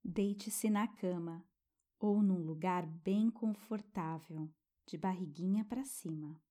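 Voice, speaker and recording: A Brazilian woman narrates like a sleep story reader guiding small children through meditation. Her voice is mellow and relaxed, and she speaks very slowly. The manner is gentle and hushed, with tender little words. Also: on the low side. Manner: gentle, hushed, breathy pauses, tender diminutives.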